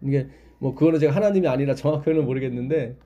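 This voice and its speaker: A man's voice: mid-range voice, very fast, mellow, dull audio. A man leading a Bible study, explaining patiently and asking his listeners questions.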